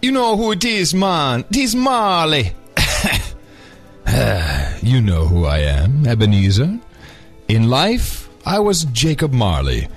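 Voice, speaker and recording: A man's voice: medium pitch, big pitch swings, soft background music, heavily acted. Man playing Jacob Marley's solemn, unearthly ghost. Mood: ominous, solemn. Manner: solemn, drawn-out, ominous delivery. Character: stern, mournful ghost of a greedy radio partner. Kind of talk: audio drama acting.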